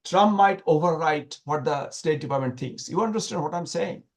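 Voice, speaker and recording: A man being interviewed, talking in an animated, sarcastic way with many restarts and repeated words. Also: fairly high pitch, moderate pace. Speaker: guest commentator.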